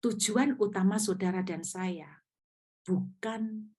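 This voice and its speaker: A woman preaching a sermon, telling a story with animated energy and speaking directly to the congregation. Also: mid-range voice, takes it slowly.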